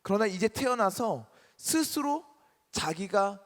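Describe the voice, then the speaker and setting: A man preaching to a college group, emphatic and questioning his congregation, his delivery swinging between loud and soft. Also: high voice, big pitch swings, takes it slowly. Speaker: pastor. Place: church sanctuary. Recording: reverberant church hall.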